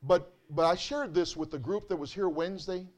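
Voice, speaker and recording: A man's voice: high voice, normal speed. A man, a pastor, preaching to his church in a loose, conversational and emotional way, repeating himself often. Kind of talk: sermon. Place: church sanctuary.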